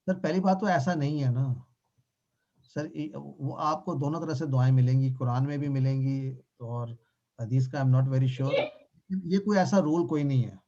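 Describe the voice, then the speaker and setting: Mellow man teaching over dull audio. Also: mid-range voice, a little hiss or hum. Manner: mixes English phrases into Urdu, relaxed explanatory. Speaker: Quran and Arabic grammar teacher. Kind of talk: online class teaching and Q&A.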